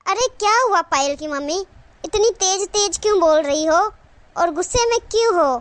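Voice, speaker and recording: A woman's voice: very high-pitched, expressive, moderate pace. A woman voicing a gossiping middle-aged neighbour woman in a cartoon. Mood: gossipy. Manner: gossipy, agreeing.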